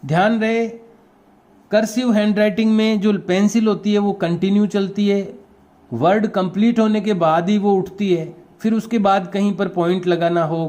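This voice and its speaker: A man's voice: sits high, a little mellow. A male teacher with a Rajasthani Hindi accent, giving a classroom lesson to young pupils, patiently explaining and spelling words out letter by letter. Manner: explains patiently and repeats terms.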